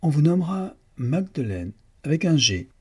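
A man voicing a fussy, sugary old English forewoman in a dressmaking workshop, his husky voice lifted higher for her. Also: expressive, moderate pace. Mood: fussy coaxing. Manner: sugary, coaxing, then fussy.

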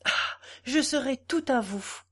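A woman's voice: high voice, expressive, slow, fairly bright tone, slightly rough, pitched above the performer's own voice, heavily acted. Woman reader doing an enthusiastic young man, fervent, voice lifted a bit. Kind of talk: audiobook reading.

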